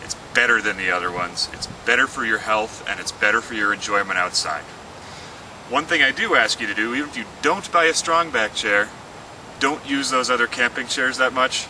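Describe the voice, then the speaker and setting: A man, the inventor, presenting and demonstrating his product in an earnest pitch, talking through each movement. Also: normal speed. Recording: slightly distant mic, faint outdoor noise.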